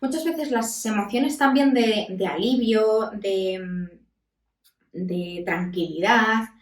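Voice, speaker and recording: A woman in her thirties talks as a psychologist, calm and candid, often pausing to find her words. Her voice rings in a roomy space, picked up from a little distance. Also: mid-range voice. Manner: calm, candid, with many pauses. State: voice breaking with emotion. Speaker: psychologist and podcast host. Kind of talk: reflective self-help talk. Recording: roomy echo, mic at a distance.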